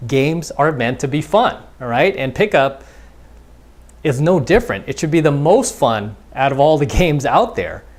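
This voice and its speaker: With an expressive, mid-range voice at moderate pace, a man teaches as a dating instructor. He talks casually through an instructional monologue, repeating his points and performing bits of quoted dialogue.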